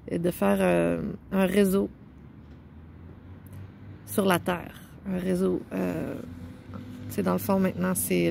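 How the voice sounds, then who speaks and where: A woman's voice: medium pitch, creaky, a little mellow, a little hiss or hum. A woman with a Québécois French accent, talking casually and musing aloud as she shows pages of a book, rambling and hesitant, playing on words.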